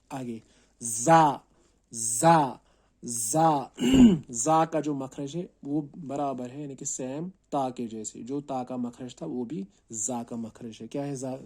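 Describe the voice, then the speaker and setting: A man teaches how to pronounce Arabic letters, explaining each one patiently and often asking "right?". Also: medium pitch. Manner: explains slowly, then calls out each letter long and loud. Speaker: Quran recitation teacher.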